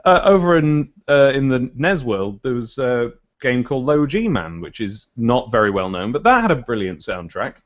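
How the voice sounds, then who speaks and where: A man's voice: mid-range voice, normal speed, hardly any pauses, highs cut off. A man in a casual podcast chat, talking reflectively. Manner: reflective, lively intonation.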